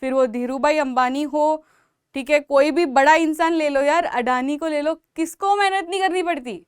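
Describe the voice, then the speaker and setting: Young Indian woman, high-pitched, loud emphatic biology teacher, dry close recording. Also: normal speed, no echo. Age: young adult. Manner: emphatic, repetitive, motivational, calls out loudly to students. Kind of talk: exam-prep lecture in Hindi mixed with English.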